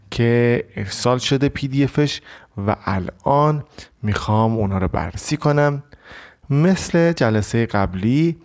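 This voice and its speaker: Lively male English vocabulary teacher. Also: medium pitch. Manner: explains step by step, reads English examples slowly. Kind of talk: recorded online lesson.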